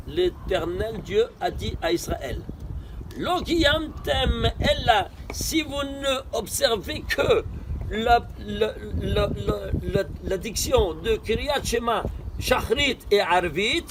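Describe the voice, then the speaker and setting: A man teaching a Torah study lesson, posing rhetorical questions and answering them himself, emphatic with sudden bursts and quiet asides. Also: high voice, slight background noise.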